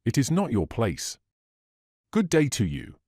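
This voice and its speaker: A man playing a stern gentleman investor in his fifties, gruff and indignant, in a storybook reading. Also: mid-range voice, huge pitch swings, a little slow, dry recording, clean studio sound, heavily acted. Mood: cold.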